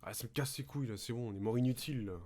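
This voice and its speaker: A man's voice: medium pitch, racing. A man streaming a horror game with casual, exasperated, foul-mouthed commentary. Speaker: let's play streamer. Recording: loud game noise throughout.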